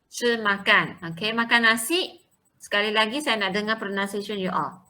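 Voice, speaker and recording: A woman leads a classroom pronunciation drill. Her voice is bright and forceful, and she repeats each word slowly and clearly. She switches into English now and then. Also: mid-range voice, steady tone, rough recording. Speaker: Mandarin language teacher.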